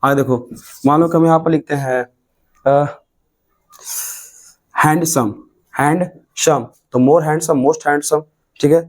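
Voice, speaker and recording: A man's voice: a little high, steady tone, slow pace, long pauses. A man with a Bihari Hindi accent teaching English grammar at a classroom board, repeating each point and stretching words out syllable by syllable.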